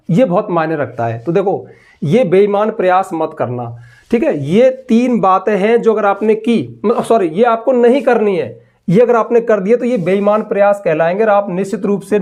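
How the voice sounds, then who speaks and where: Man, high-pitched, English teacher, scolding, mocking, exam tips lesson. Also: darkish tone. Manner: scolding, mocking students' habits.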